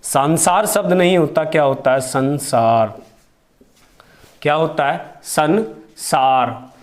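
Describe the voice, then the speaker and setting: A man's voice: fairly high pitch, lively intonation. A man teaching a spelling lesson, who asks questions to the class and answers them himself, drawing out each example word. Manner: slow and deliberate, drawing out example words. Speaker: Hindi teacher.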